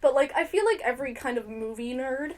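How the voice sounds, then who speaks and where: A woman's voice: sits high, expressive, fairly quick. A young woman co-hosting a podcast in casual chat, rambling with lots of fillers and swearing. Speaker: podcast co-host.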